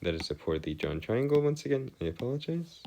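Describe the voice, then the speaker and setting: In a medium-pitched, warm, sing-song voice with some creak, a man tutoring math explains step by step a little fast, with a faint hiss or hum present. The lesson is informal, though his wording is formal and wordy, full of hesitant self-corrections.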